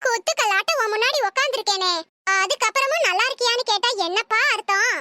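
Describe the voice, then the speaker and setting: A woman plays a bossy old cartoon mother-in-law with a very high, bright voice. She grumbles sleepily and barks orders. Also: fast, slight background noise, heavily acted. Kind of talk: comic cartoon dub.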